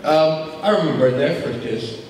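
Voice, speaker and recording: Echo-drenched, high-voiced man's comic wedding speech. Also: normal speed. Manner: rambling, giggly, easily flustered. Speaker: best man. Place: large reverberant room at wedding reception. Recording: very echoey hall, noisy crowd, distant mic. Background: loud wedding crowd.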